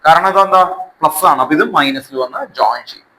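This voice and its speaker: Quick, pushed, and bright, the slightly high voice belongs to a man teaching a chemistry class. With a Malayali accent, he moves through the lesson step by step, switching between Malayalam and English technical terms. Key words get repeated, followed by questions to check comprehension.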